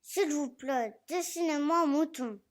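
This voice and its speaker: A small, earnest little prince boy played by an actor in a dramatic storybook reading. The voice is very high and childlike, with slow, deliberate delivery. He is solemn and insistent, in a theatrical manner. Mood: earnest pleading.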